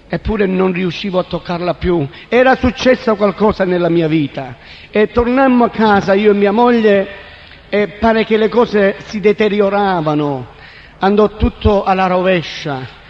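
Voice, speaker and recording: A man's voice: high-pitched, moderate pace, dull audio. A man giving a dramatic spoken conversion testimony in a church hall, acting out the voices he quotes. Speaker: testimony speaker.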